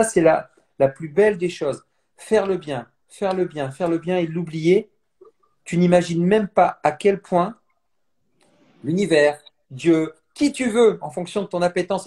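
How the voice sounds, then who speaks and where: A man's voice: sits high, a little mellow. A man from France, a mindset trainer, speaking earnestly in a live online interview and repeating phrases for emphasis. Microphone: phone on mobile data.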